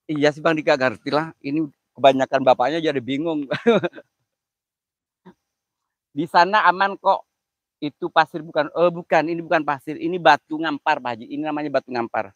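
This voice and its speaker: A man's voice: on the high side, steady tone, moderate pace, pauses often, no echo, dull audio. A man hosting a live stream, joking around, laughing often and thanking viewers by name.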